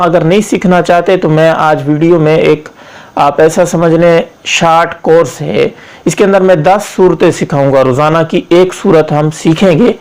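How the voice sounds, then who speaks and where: A man teaching Quran recitation, drilling slow chanted verses word by word and correcting common mispronunciations. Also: on the high side, a little mellow.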